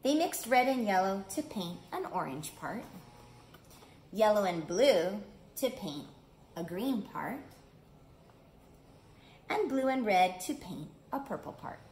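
Storytime here is led by a middle-aged children's art studio teacher reading a picture book aloud in a slow, simple way. Her voice is mid-range, a little mellow, and very animated, and she asks the young listeners questions in clear language. The small indoor room sounds echoey, with clear background noise.

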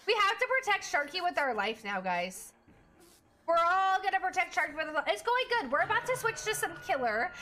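A woman streamer talks casually to her viewers in a bright, high voice. Her intonation is animated, with faint noise behind. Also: a little fast. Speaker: game streamer.

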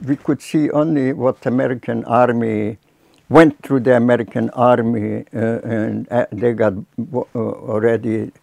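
A man in his nineties from Lithuania with a Lithuanian accent, telling his life story haltingly with many restarts, seated in a cluttered workshop. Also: mid-range voice, gravelly, darkish tone, no echo. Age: 90s. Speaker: filmmaker recounting his life. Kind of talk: reflective storytelling. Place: cluttered workshop indoors, small room.

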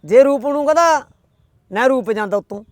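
A man's voice: very high voice, expressive, brisk, no room sound. A man telling a folk tale in a rustic, chatty way, tagging every quote with who said it. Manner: rustic, chatty, with constant "he said, she said" tags. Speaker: storyteller.

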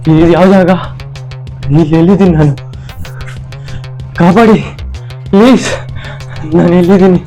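A man's voice: high-pitched, unhurried, long pauses, mellow, faint music behind. A man playing a frightened, lost young man pleading for help. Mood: panicked.

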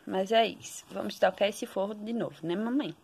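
A woman's voice: medium pitch, brisk, creaky. Chatty Brazilian mother vlogging at home. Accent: Brazilian Portuguese. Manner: soft, chatty, fond of diminutives. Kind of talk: casual home vlog chat. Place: home, in the kitchen.

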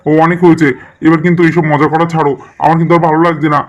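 Fast-talking cartoon son, a man voicing. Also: on the high side, flat delivery, dull audio, lightly acted. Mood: impatient. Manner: rapid, pleading questions. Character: grown son, confused and impatient.

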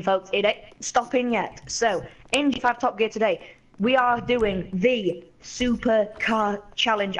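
A man's voice: high voice, lo-fi sound, slight background noise. A man hosting a gaming channel, chatting casually through gameplay with the hiccups and rambling a little. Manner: chatty, rambling, slightly scattered. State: has the hiccups.

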